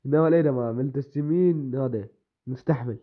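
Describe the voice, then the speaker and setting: A man's voice: mid-range voice, quick pace. A man giving casual, amused reaction commentary on a story. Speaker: reaction video host. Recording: tinny phone-like sound.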